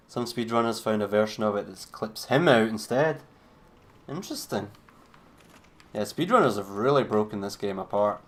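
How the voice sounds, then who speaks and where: A man's voice: fairly low pitch, fairly bright tone, slight background noise. A man streaming a game, giving laid-back, chatty commentary with a wry edge. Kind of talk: casual gameplay commentary.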